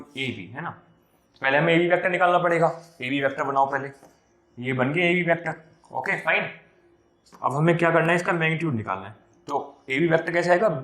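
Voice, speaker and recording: A man teaching vector algebra step by step for an entrance exam, slowing down as he reads out each term. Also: a little high, a bit bright, reverberant. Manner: slows down when reading out terms, mixes English math words. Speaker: math teacher.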